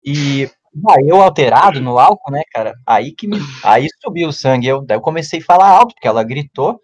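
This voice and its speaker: A man, telling a story in casual podcast chat and acting out quotes in a loud, high voice. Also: expressive, fast talker, highs cut off. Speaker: podcast co-host.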